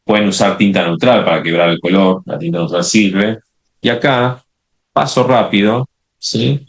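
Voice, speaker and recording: A man's voice: lowish voice, normal speed. A man demonstrating a watercolor painting, explaining step by step and often checking in with "¿sí?". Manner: explanatory, many checking "¿sí?" tags and restarts. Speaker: watercolor instructor.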